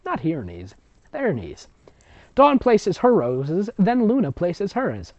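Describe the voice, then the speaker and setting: A dry, close, lo-fi and dull recording captures a slow, medium-pitched voice with wildly swooping pitch. The sarcastic reader narrates amateur fiction and interrupts it, exasperated, with mocking ad-libbed commentary.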